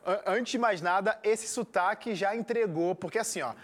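A man's voice: sits high, moderate pace. A man with a Carioca accent from Rio, presenting a music show in a conversational style. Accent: Carioca Brazilian Portuguese. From Rio de Janeiro, Brazil.

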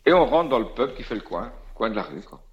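A Belgian man with a Belgian French accent, a guest on a radio show, telling a casual anecdote in a chatty, animated way with plenty of fillers and asides, in a slightly dull radio recording. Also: medium pitch, fast, breathy edge.

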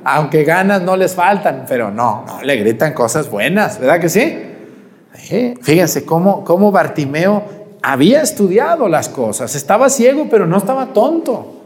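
Man, preacher, sermon, high voice, question-and-answer style, long hall reverb. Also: moderate pace. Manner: asks the congregation questions and answers them himself, animated.

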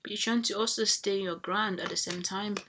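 A woman's voice: medium pitch, fairly even intonation, fairly quick, creaky, noisy background. A woman giving a casual tarot reading to viewers, thinking aloud and rambling with fillers and restarts as she draws cards. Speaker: tarot reader.

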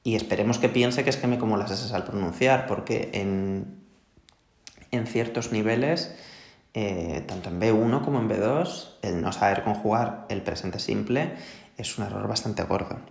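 A man from Spain with a Spanish accent gives an English pronunciation lesson, explaining patiently and checking in with his students. His voice has a gravelly edge. The recording sits in a noticeably echoey room. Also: fairly low pitch, normal speed. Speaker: English teacher.

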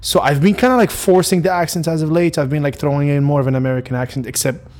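With a slightly high, fairly even voice, a young Moroccan podcast host talks quickly and a little mellowly. He grew up speaking Arabic and has a Moroccan accent. His casual solo show rambles, full of false starts and filler words.

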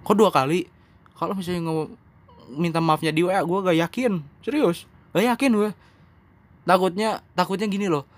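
A young man hosting his own podcast, talking candidly and rambling, now calm, now emphatic and self-mocking. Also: high voice, moderate pace, pauses often. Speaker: podcast host. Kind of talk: casual solo podcast monologue.

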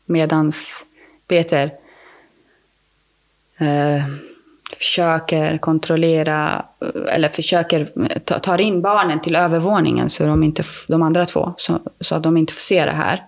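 A woman guest on a podcast telling a personal story in a casual, rambling way, often restarting her sentences and filling pauses. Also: low-pitched, steady tone, creaky.

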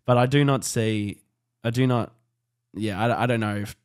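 A man's voice: mid-range voice, normal speed. A man with an Australian accent hosting a podcast, talking footy in a blunt, rowdy way with heavy swearing. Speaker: podcast host. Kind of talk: casual chat.

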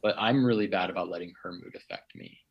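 A man's voice: sits low, quick pace, vocal fry, dull audio. A man co-hosting a casual podcast conversation, telling rambling stories that keep doubling back on themselves. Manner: rambling, self-interrupting storyteller. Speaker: podcast co-host. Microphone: remote podcast mic.

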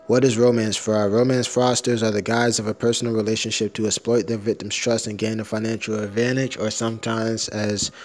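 A man's voice: on the low side, darkish tone. A man talking in a casual, blunt rant full of profanity and slang, sometimes reading an article aloud. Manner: uses slang like "bro".

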